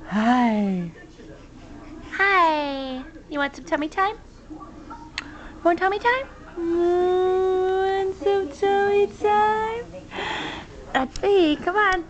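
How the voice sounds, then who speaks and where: Mother doing slow, very high baby talk, sing-song, dull lo-fi sound. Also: animated. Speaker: mother talking to her baby.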